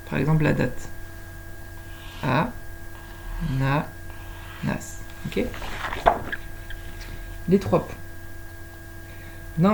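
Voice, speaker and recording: A woman's voice: low voice, vocal fry, a little hiss or hum. A woman teaching young children to spell by sound, patiently stretching out each syllable. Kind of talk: slow phonics lesson for young children.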